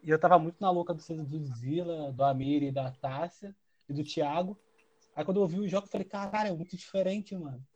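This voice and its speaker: Excitable man with a high voice. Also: quick pace. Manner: excited, slangy storytelling. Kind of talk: casual chat.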